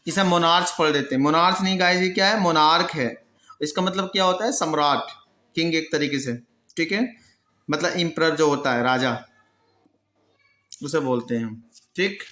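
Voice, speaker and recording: A male teacher giving a vocabulary lesson, who explains patiently, answers his own questions and repeats each word slowly. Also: fairly high pitch, bright, forceful tone, roomy sound. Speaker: English pronunciation teacher. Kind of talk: Hindi-language vocabulary lesson.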